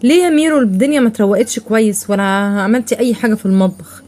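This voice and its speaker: A woman's voice: a little high, lively intonation, dark tone. An actress with an Egyptian accent playing a strict mother who scolds and gives orders to her eldest daughter. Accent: Egyptian Arabic. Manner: bossy, scolding, fast. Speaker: mother in a family skit.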